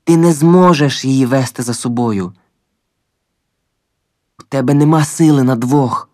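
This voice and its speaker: A man voicing a stern, ghostly male guide with a dry, rough voice who talks calmly and insistently, in an audiobook reading. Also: mid-range voice, measured pace, no room sound, lightly acted. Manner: calm, insistent, repeats himself.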